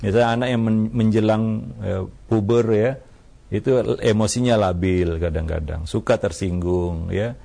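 A man speaks as a preacher, giving calm parenting advice. His voice sits fairly low and has a gravelly, creaky texture. He talks at an unhurried pace and tags his sentences with a soft "ya". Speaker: Islamic preacher answering questions. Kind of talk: religious advice talk on parenting.

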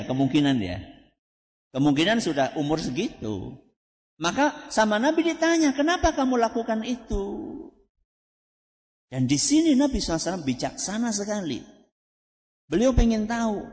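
A man giving a religious lecture as a preacher. He asks the audience questions and answers them himself, and he recites Arabic phrases slowly before explaining them. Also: high-pitched, big-room sound.

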